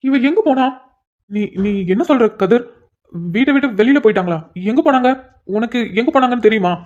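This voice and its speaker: A man's voice: very high voice, a little fast, a little mellow. A man voicing an anxious, lovesick police officer in a storybook cartoon, pleading and stammering when upset. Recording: dull lo-fi sound.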